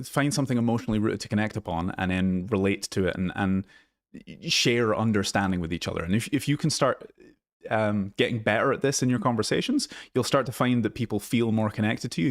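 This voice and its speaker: A man's voice: on the low side, dry recording, studio quality. A man coaching listeners on dating in a casual live talk, blunt and swearing freely, often restarting his sentences. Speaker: dating and social skills coach. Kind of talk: casual live advice monologue.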